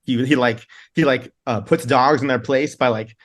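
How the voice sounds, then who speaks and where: Band singer dude rambling thru old tour stories, laughs a lot, keeps restarting. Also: male voice, medium pitch, fairly even intonation, normal speed. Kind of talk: casual interview storytelling.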